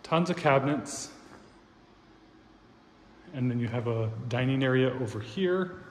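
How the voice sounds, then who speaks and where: With lively intonation and a slightly slow pace, a medium-pitched man shows off a house for sale, upbeat and casual as he walks and points out features. He's a real estate agent in a large empty indoor space, and the rooms echo with faint noise.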